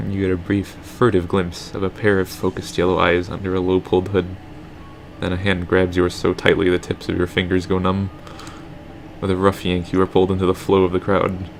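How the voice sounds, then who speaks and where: A man's voice: sits low, a little hiss or hum. A man co-hosting a game playthrough, reading the story text aloud with dry, wry asides. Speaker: let's play co-host reading the game text. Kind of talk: narrating a visual novel aloud.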